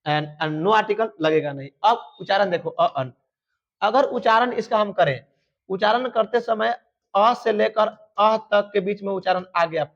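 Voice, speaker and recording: Male teacher, high voice, emphatic and repetitive exam coaching, dull lo-fi recording. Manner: emphatic, repetitive, addresses students fondly. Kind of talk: exam-prep grammar lesson. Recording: dull lo-fi sound.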